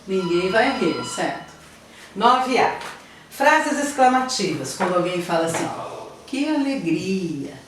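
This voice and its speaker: Brazilian teacher lady, patient, explains step by step, lively pitch, sounds far off in a big echoey room. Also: unhurried, slight background noise. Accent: Brazilian Portuguese. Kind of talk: online grammar lesson.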